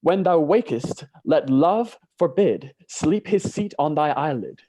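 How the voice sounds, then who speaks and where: A man playing Puck, hushed mischievous sprite. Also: fairly high pitch, lively intonation, unhurried. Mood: sly. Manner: hushed, gasping, sly delivery. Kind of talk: amateur Shakespeare read-through.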